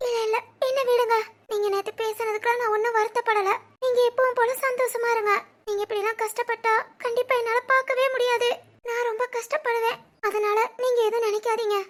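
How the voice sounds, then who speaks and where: A woman voicing a young wife and college student in an animated family drama, speaking with a Tirunelveli Tamil accent, soft and pleading. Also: very high-pitched, fairly quick. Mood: tearful. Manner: pleading, tearful, soft-spoken.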